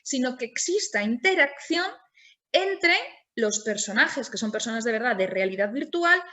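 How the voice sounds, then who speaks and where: A woman's voice: fairly high pitch, animated, normal speed, sharp tone. Woman giving a webinar talk. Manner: explanatory, with frequent restarts. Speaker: webinar presenter. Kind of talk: webinar presentation. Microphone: video call.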